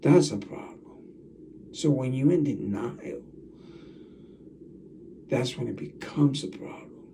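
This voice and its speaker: A man's voice: medium pitch, expressive, slow, vocal fry, pauses often, dark tone, far from the mic, slight background noise. A man talking casually to his viewers as a channel host, rambling and repeating himself as he talks straight at the camera. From United States. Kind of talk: casual vlog monologue.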